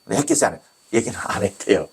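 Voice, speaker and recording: A male pastor delivers a sermon with a slightly husky voice. His pitch swings widely as he tells the story, bursting into exclamations and acting out the voices of the people in it. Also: lively intonation, racing. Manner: storytelling with acted quotes, exclaiming.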